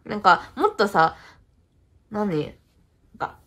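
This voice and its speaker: A woman's voice: mid-range voice, very animated, slow, pushed and bright, exaggerated voice. A woman playing a blunt, teasing young woman who used to chase host clubs, in a comedy sketch. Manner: blunt, teasing, casual slangy talk.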